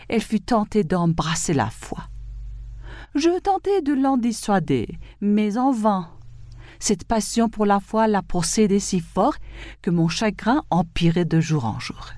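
A woman's voice: medium pitch, a little mellow, no room sound, clean studio sound. A woman voicing a grateful father who earnestly recounts his story.

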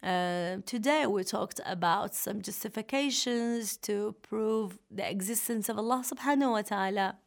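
A woman's voice: mid-range voice, moderate pace, few pauses. A woman hosting a religious radio talk in a formal, teacherly manner. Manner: formal, didactic. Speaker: radio host.

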